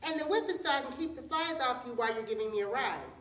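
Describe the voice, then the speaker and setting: A woman's voice: sits high, expressive, quick pace. Brief: storybook trickster hare, sly and wheedling, as a woman storyteller puts him on, in a roomy, far-off sound. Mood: innocent. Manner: wheedling, coaxing. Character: sly scheming male hare. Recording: echoey room, distant mic.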